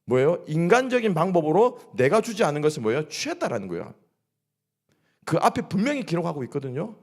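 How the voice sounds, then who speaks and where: A man preaching to his congregation at a midweek service, his voice sitting a little high and swinging widely up and down. He keeps throwing questions at the listeners and answering them himself. A gravelly edge runs through his speech. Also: sing-song, fast, darkish tone. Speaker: pastor. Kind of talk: sermon at a midweek church service. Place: church sanctuary.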